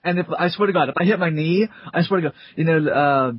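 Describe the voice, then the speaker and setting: A young man with a fairly high, husky voice talks in an animated, rambling way. He speaks from his desk into a dry, lo-fi recording. The sound is dull, with no room echo. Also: fast. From America. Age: young adult. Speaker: voice actor, interviewee. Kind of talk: casual interview chat.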